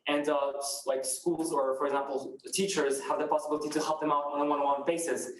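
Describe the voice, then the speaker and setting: A man's voice: a little high, little pitch movement, fast, a little hiss or hum. A man from Morocco, a student, chatting in an upbeat way with fillers over a video call. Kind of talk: casual chat. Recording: echoey room.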